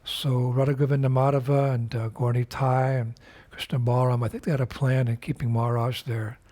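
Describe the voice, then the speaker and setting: This older man, a spiritual teacher, has a mellow, medium-pitched voice held at a level tone. He takes his time in a recorded video message, reflective and full of pauses, fillers, and restarted sentences.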